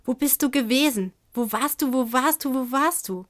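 A woman's voice: moderate pace, lightly acted. Woman putting on a frantic, furious young girl. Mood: angry, frantic. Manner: shrill, repeating herself insistently.

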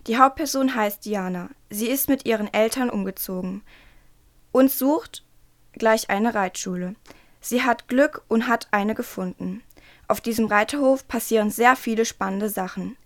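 A woman's voice: on the high side, normal speed, no echo, clean studio sound. A woman presenting a book and reading a passage from it aloud, in an earnest, careful way with small stumbles.

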